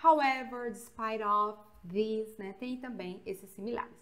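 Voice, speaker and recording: A woman from Goiás in Brazil with a Brazilian accent, teaching a chatty, animated English grammar lesson that mixes Portuguese and English and leans on frequent tag questions. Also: a little high, slow.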